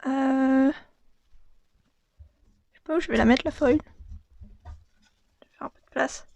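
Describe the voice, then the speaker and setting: A young woman casually opening and commenting on trading cards, reading them out in a soft, murmured voice that often drops to a half-whisper. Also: sits high, steady tone, takes it slowly, gravelly, no room sound, highs cut off. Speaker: card unboxing vlogger.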